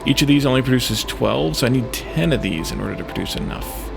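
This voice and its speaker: A man hosts a casual let's play, thinking aloud and hesitating between decisions. His mid-range voice is expressive but noticeably gravelly with vocal fry. Music plays clearly in the background behind his commentary.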